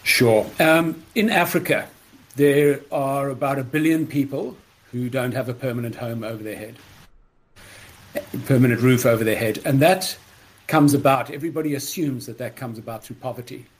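A man speaks as a guest on a podcast in a mid-range voice. He explains in a steady, businesslike way, with a slight frog in his throat. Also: medium pitch, normal speed. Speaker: guest, startup co-founder. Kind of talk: podcast interview answers.

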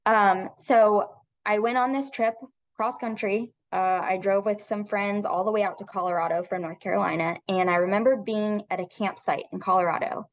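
A woman's voice: mid-range voice, steady tone, moderate pace. Reflective woman telling her story. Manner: reflective, with frequent restarts and filler "um"s. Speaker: podcast guest. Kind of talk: personal storytelling in an interview.

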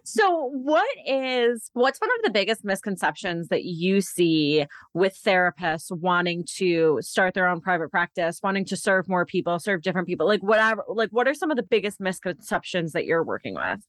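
A woman's voice: fairly low pitch, animated, moderate pace, hardly any pauses, dry recording, clean studio sound. An American woman hosting a casual interview, talking informally and affirming what her guest says. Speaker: interviewer, host.

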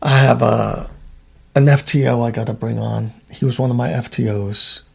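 Animated storytelling man. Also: mid-range voice, normal speed, creaky, slightly rough. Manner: animated, acts out voices in his stories. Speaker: podcast host, former state trooper. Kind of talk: casual storytelling chat.

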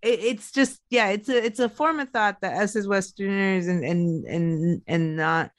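A woman's voice: mid-range voice, measured pace, no echo, studio quality. A woman co-hosting a podcast, telling a true crime story in a loose, chatty way with some swearing. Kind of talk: casual true crime narration.

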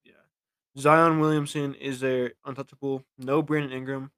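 A man's voice: medium pitch, little pitch movement, moderate pace, fairly bright tone, smooth, no echo. A young man co-hosting a casual sports podcast, reading listener questions aloud and sometimes stumbling over the words. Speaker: podcast co-host.

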